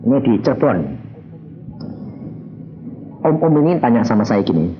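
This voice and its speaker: A male evangelist delivers a lively storytelling sermon. His pitch swings widely as he acts out conversations. The recording is slightly dull, with a faint hiss behind him. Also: moderate pace. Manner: animated, acts out dialogue with vocal sound effects. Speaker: evangelist preacher. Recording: slightly muffled, faint background noise.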